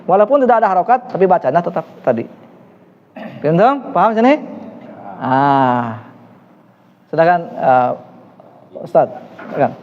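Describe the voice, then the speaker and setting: A man's voice: fairly high pitch, big pitch swings, normal speed, long pauses, a little hiss or hum. A man teaching an Arabic class, encouraging his students and praising their answers often. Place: mosque classroom. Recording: dull reverberant room recording.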